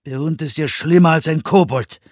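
Man playing an exasperated old carpenter, grumbly, slightly husky voice. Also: on the high side, moderate pace, a little mellow, no room sound, clean studio sound, voice pushed up, natural voice. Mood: grumbling. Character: grumpy older male master carpenter.

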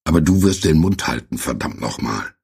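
A man voicing a stern grown woman with a sharp, cutting way of speaking, in an audiobook. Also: rumbling low, unhurried, breathy edge, heavily acted. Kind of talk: audiobook character voice.

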